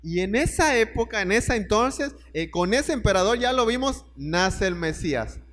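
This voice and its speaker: A man's voice: high-pitched, expressive, moderate pace, fairly bright tone, in a large hall. A man preaching a sermon, telling the story and putting questions straight to his listeners.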